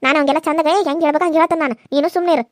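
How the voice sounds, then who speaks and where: A woman voicing a scolding middle-aged mother-in-law in a cartoon serial, with a North Karnataka Kannada accent and a sharp, rapid way of talking. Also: high voice, steady tone, no room sound, studio quality, lightly acted. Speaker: voice actor.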